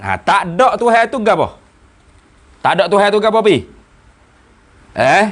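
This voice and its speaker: A religious teacher works through a classical text line by line. His voice sits fairly high for a man and swings widely in pitch. He keeps stopping to ask the students whether they have understood. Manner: animated, questioning the students often.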